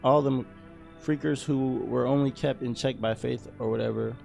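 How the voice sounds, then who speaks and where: A man's voice: medium pitch, fairly even intonation, moderate pace, creaky, a little mellow, soft background music. A man voicing an angry, resentful male musician in a video game, grumbling his lines. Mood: bitter. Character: bitter angry male musician, fed up with everyone.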